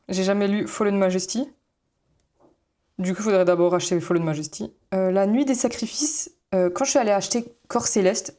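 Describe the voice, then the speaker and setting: Chatty young woman with a mellow voice. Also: mid-range voice. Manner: chatty and rambling, with many fillers and self-corrections. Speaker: student vlogger. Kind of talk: casual chat while flipping through notebooks.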